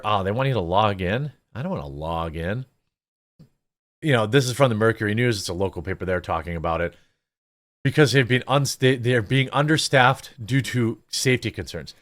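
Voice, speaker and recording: A news commentary host with a lowish voice and a fairly bright tone speaks unscripted, reading snippets of articles aloud. He's blunt and opinionated, poses rhetorical questions, and turns sarcastic at times.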